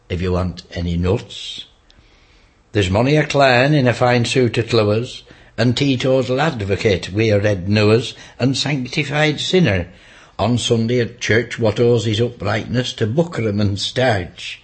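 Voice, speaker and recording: Slow man reciting verse. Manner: slow, measured reciting, dropping low on the refrain. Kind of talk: dialect poem recitation.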